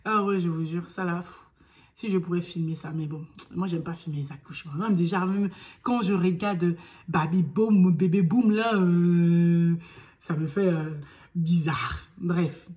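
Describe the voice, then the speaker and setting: A young woman vlogger telling her story straight to the camera in a slightly low voice. She chats loosely and acts out her own pleas. At the tense parts she drops to a breathy near-whisper. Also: measured pace, darkish tone.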